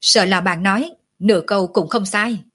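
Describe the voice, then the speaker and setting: A woman's voice: on the low side, normal speed, slightly rough. A woman voicing a squad of male enforcers giving rehearsed answers in unison. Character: group of male law enforcers, rehearsed and complicit.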